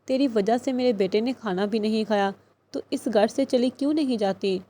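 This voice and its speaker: A harsh, scolding older aunt in a storybook reading, her words sharp with anger, as a woman narrator voices her. The voice sits fairly high. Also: lightly acted. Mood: angry scolding. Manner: angry, scolding.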